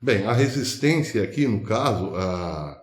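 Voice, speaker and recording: A man's voice: lowish voice, animated, a little slow, reverberant. A man hosting a news commentary show, speaking emphatically and asking rhetorical questions. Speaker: host.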